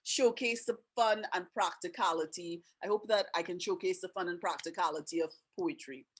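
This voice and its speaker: Her voice is fairly low and slightly rough, her speed normal, as this Trinidadian-Canadian teacher presents a relaxed webinar on a computer mic. Her Trinidadian accent has a Canadian edge, and she chats in a friendly way, full of asides.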